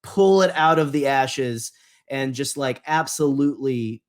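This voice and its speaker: In a loose fan chat on a podcast, this male co-host gets carried away with enthusiasm, trailing off mid-thought and repeating himself. His pitch is medium and his pace measured.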